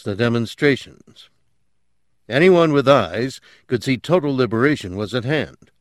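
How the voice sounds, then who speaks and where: A man's voice: on the low side, no room sound, studio quality, lightly acted. A man voicing a confident, self-mocking professor. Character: self-assured male Palestinian professor recalling his youth. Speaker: interviewee. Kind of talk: audiobook character reading.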